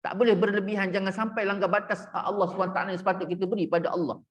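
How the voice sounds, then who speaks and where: A man's voice: high voice, very fast. A man, a religious teacher telling a story in a sermon and addressing his listeners directly. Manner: addresses listeners directly, animated retelling with acted quotes.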